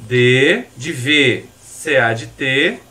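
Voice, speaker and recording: A man's voice: mid-range voice, drawn-out words. A male chemical engineering professor with a Minas Gerais accent, lecturing live in a classroom and quizzing his students. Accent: Minas Gerais Portuguese. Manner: animated, quizzing students with questions. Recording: distant mic in a classroom.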